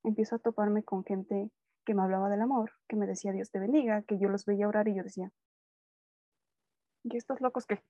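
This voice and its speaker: A young woman with a Mexican Spanish accent telling a personal faith story in a casual, animated way, acting out bits of dialogue. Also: mid-range voice, fast, no room sound, muffled recording. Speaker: guest sharing testimony.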